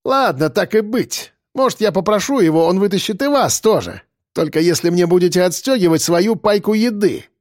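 A man voicing an arrogant, spoiled young man who sneers and breaks into shrill outbursts. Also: very animated, normal speed, darkish tone, dry recording, clean studio sound. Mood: snide.

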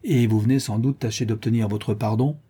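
A man's voice: lowish voice, fairly even intonation, a little fast, dark tone, breathy edge. A man voicing an aging count and governor who speaks with dry authority, in a read-aloud story. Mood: authoritative. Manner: dry, commanding, sly. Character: stern but kindly aging count, governor. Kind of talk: audiobook reading.

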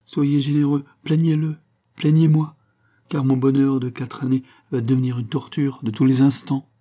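A man's voice: mid-range voice, flat delivery, normal speed, dark tone, pitched above the performer's own voice, natural voice. A man voicing a scheming woman posing as a countess in an audiobook, speaking in a theatrical, pleading manner. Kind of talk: audiobook character reading.

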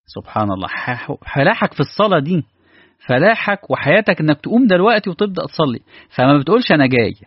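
A man with an Egyptian accent preaching a sermon, animated and asking his listeners rhetorical questions. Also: fairly high pitch, quick pace, husky, no room sound. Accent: Egyptian Arabic. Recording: dull, lo-fi dry recording.

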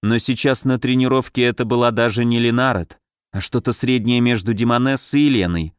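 A man voicing a knowing female demoness who speaks in a measured way in an audiobook. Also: mid-range voice, smooth, no echo, studio quality, close to an everyday voice. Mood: calm.

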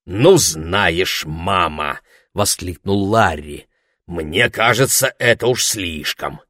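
A man's voice: deep voice, slow pace, bright, forceful tone, dry recording, clean studio sound, voice pushed down, heavily acted. A man reading aloud voices a pompous young man complaining indignantly. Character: pompous, peevish young man, older brother.

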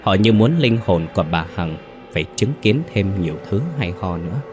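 A man's voice: sits low, expressive, moderate pace, over music. A man reading a horror story aloud in a grim, dramatic storytelling manner. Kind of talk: scripted narration.

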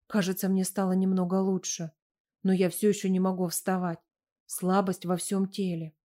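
Hoarse, bedridden old aristocrat, low and soft, weary sighing delivery, as a woman puts him on in an audiobook. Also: level tone, normal speed, lightly acted. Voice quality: hoarse, feeble. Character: ailing elderly English lord, weak, bedridden.

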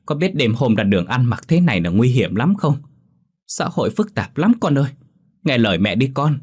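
A man voicing a gentle, nagging middle-aged mother who pleads with her daughter, in a spoken horror story. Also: medium pitch, big pitch swings, normal speed, breathy edge, pitched above the performer's own voice.

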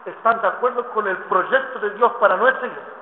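A man preaching a sermon as a guest preacher, impassioned and building to shouts. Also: high voice, brisk. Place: church. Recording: echoey church hall over tinny line.

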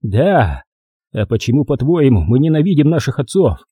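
A man's voice: mid-range voice, very animated, normal speed, husky, dry recording, voice pushed up. Man doing an angry young gunman. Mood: defiant. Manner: forceful, shouting.

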